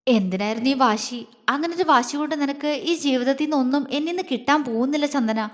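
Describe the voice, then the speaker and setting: Woman reading angry young husband, harsh and sneering, high voice, long echo. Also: fairly quick, natural voice. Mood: scornful. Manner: harsh, contemptuous. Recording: long hall reverb.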